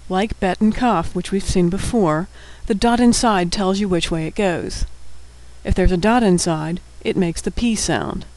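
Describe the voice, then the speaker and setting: A man's voice: sits high, a little slow, darkish tone, low-quality recording. A man walks through a recorded language lesson. He is patient and sounds out each word syllable by syllable, like a teacher at a whiteboard.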